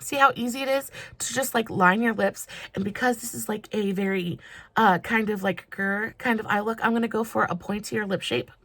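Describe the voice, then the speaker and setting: A woman about thirty talks her way through a makeup tutorial. She gushes and rambles with easy fillers, at a middle pitch. The sound is dry and close. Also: moderate pace, a bit bright, no room sound. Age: 30s. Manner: chatty and gushing, with fillers. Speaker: makeup vlogger.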